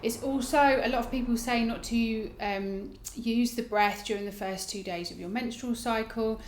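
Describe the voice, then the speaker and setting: A woman teaching a yoga breathing technique, explaining it informally and guiding gently with soft phrase endings. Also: on the high side, normal speed, slight background noise. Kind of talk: instructional demonstration, casual explaining. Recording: roomy, echoing indoor sound.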